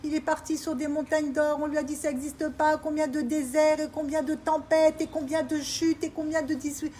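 Woman religious teacher, high voice, emphatic and repetitive, faint ambient hiss. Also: little pitch movement, normal speed, warm tone. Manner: emphatic, repetitive, questioning listeners. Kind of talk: informal Torah talk to women.

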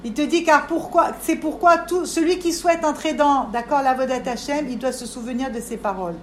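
A woman teaching a religious class to a group of women, animated and talking straight to her listeners. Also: high voice, brisk, a little hiss or hum. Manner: animated, talks straight to listeners, acts out inner voices. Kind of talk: lively spoken religious lesson.

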